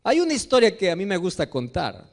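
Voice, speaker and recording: A man preaching a sermon as pastor, animated, acting out the voices in his stories. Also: high-pitched, brisk. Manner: animated preaching, acts out dialogues in story.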